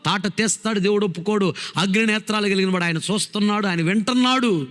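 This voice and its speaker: A man's voice: high voice, fast, fairly bright tone, big-room sound. A male pastor preaching a sermon, emphatic, firing rhetorical questions at his congregation.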